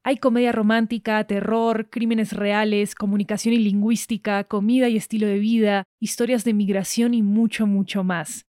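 A woman from Argentina with an Argentine accent, hosting a podcast and reading a friendly, brisk announcement. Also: medium pitch, level tone, mellow, no echo, clean studio sound. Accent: Argentine Spanish. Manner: brisk, friendly promo read. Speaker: podcast host. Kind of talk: read sponsor announcement.

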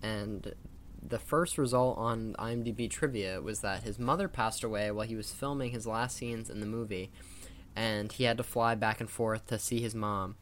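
Low-voiced man hosting a casual podcast. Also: steady tone, normal speed, a bit bright, a little hiss or hum. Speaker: podcast host. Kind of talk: casual film-trivia commentary.

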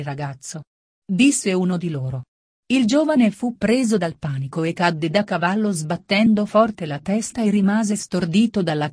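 A woman narrating a story in a slow, even reading voice. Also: medium pitch, no echo, clean studio sound.

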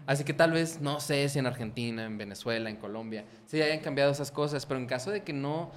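A man's voice: mid-range voice, quick pace, a little hiss or hum. A man with a Mexican accent, co-hosting a casual podcast chat, insistent and emphatic, swearing freely. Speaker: podcast co-host.

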